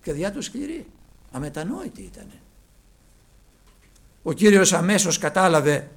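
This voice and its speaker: A man preaching a sermon, swinging from loud cries to hushed near-whispers. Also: high voice, very animated.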